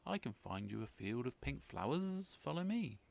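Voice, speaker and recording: A man's voice: mid-range voice, sing-song, normal speed, vocal fry, darkish tone. A man voicing a big, eager, helpful bee with a buzzing voice in a storybook, faint noise behind.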